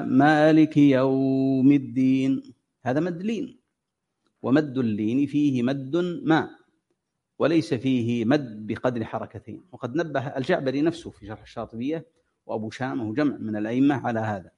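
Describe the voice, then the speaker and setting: Mellow-voiced Quran teacher explaining recitation. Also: male voice, medium pitch, fairly quick, breathy edge. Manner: explains patiently, drawing out sounds as examples and quizzing students. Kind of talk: classroom lesson on tajweed. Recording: dull lo-fi recording.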